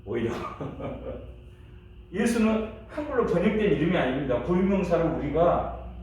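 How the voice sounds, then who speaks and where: A middle-aged male pastor teaches a church history class in a chatty way, questioning the class and laughing now and then. His slightly high, a little mellow voice swings widely in pitch at normal speed. The mic is distant in an echoey room, with faint hiss and the highs cut off.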